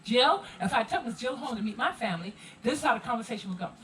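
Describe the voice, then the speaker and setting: A woman with a Gullah Geechee Low Country accent giving an animated, rhythmic heritage presentation to visitors, leading call-and-response. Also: quick pace, distant mic, a little hiss or hum, rough recording. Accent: Gullah Geechee, South Carolina Low Country. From coastal South Carolina. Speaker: cultural presenter.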